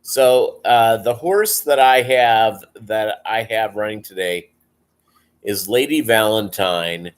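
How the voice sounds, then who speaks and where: A man with a deep Southern American accent chatting casually as a livestream host, rambling and halting as he talks to viewers. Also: clean tone. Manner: rambling, halting delivery, reading and answering viewer comments. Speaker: live stream host.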